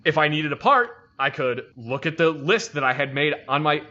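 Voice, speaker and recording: A man with a slightly high, bright, forceful voice tells a rambling army story in a casual, profane way, acting out the people he quotes. The audio sounds dull and lo-fi, like a home stream. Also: expressive, moderate pace. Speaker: army veteran telling stories.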